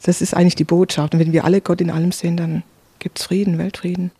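Earnest interviewee sharing a spiritual story, mellow voice, lots of little restarts, dry sound. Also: mid-range voice, fast, slightly rough, no room sound. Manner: calm, earnest, with frequent hesitant repeats. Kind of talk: reflective personal testimony.

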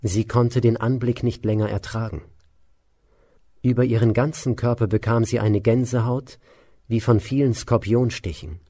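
A man narrating an epic tale in a measured, even reading. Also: mid-range voice. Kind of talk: storybook narration.

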